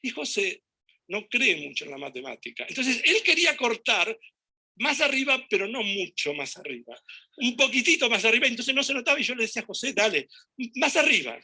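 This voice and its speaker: A man with a Rioplatense Spanish accent giving a talk to an audience, telling anecdotes in an animated way and acting out dialogue and gestures. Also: very high voice, a little fast, gravelly, husky.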